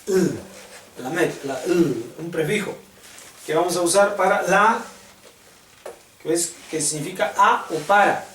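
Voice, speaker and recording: A man teaching a classroom lesson, slow and patient, often checking whether the class understands. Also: sits high, a bit bright. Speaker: Hebrew teacher. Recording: echoey room, distant mic, faint hiss.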